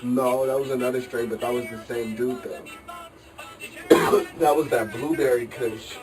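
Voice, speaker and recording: A man's voice: medium pitch, steady tone, a little slow. A man chatting casually and informally. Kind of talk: casual chat. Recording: distant mic under loud music.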